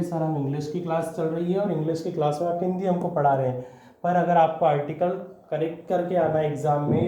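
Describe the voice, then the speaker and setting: A man teaches a class, walking through each step and asking his students questions as he goes. His voice sits a little high but sounds mellow. It comes through a dull, lo-fi recording in an echoing room. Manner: patient, repeats "okay?" and quizzes the listener. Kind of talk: explaining English grammar to students.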